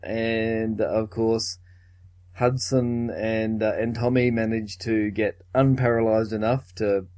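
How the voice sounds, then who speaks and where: A man's voice: fairly low pitch, flat delivery, slow, a little mellow. A man co-hosting a podcast, casually retelling a film's plot with occasional chuckles. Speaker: podcast co-host. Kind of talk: casual film recap chat.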